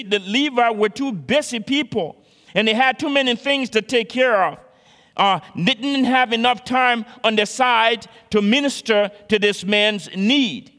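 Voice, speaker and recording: A man's voice: high voice, pushed and bright, in a large hall. A man preaching a sermon with earnest exhortation, repeating key phrases for emphasis.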